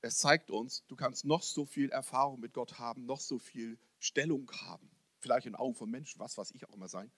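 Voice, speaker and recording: A man preaching a sermon to a congregation, asking rhetorical questions and swinging between loud emphasis and soft, close-up speech. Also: medium pitch, a little fast, no room sound. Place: church service hall.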